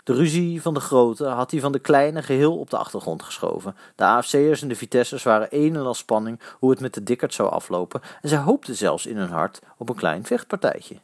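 A man reading a children's story aloud in a lively, expressive way. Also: medium pitch, a little fast, hardly any pauses, no room sound, clean studio sound. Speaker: narrator.

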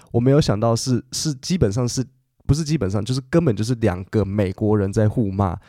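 Man, podcast English teacher, low gravelly voice, patient explanations, dry close sound. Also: mellow, no room sound. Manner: patient and explanatory, with frequent fillers and self-corrections. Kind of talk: podcast language lesson, explaining in detail.

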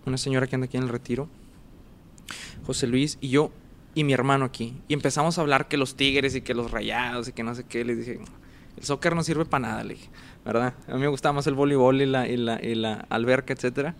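A man's voice: mid-range voice, brisk, gravelly, a little hiss or hum. A man, casually telling a personal story as a guest and acting out the dialogue and sounds. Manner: animated, acts out dialogue and sounds.

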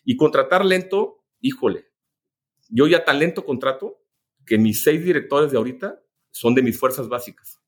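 A man with a Mexican Spanish accent talks like an executive telling stories in an interview. He circles back, restarts sentences and adds asides as he goes, in a relaxed conversational way. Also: medium pitch, normal speed. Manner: anecdotal, many restarts and asides. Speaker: business executive guest. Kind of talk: casual storytelling interview.

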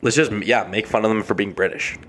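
A man's voice: lowish voice, fairly quick, fairly bright tone, a little hiss or hum. A man co-hosting a podcast, playful and rambling in casual banter. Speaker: podcast co-host.

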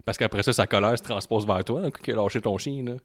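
Man, Québécois accent, casual podcast chat, quick delivery, rambling with local swears. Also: on the low side, no echo, clean studio sound. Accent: Québécois French. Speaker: podcast co-host.

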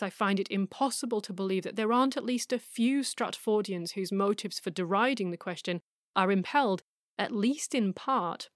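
A middle-aged woman hosts a scripted podcast, speaking in a measured, emphatic way. She poses rhetorical questions and drops wry asides. Her voice sits at an ordinary middle pitch in a dry, close recording. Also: no echo. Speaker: podcast host.

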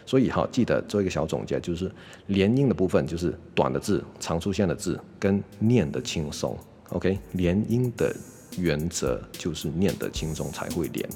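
A man giving a casual English lesson, constantly checking in with a quick "OK?" and slowly sounding out example phrases. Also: low voice, lively intonation, warm tone, breathy edge, in a large hall, soft background music. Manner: demonstrates English pronunciation slowly. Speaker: English teacher. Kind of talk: casual YouTube language lesson.

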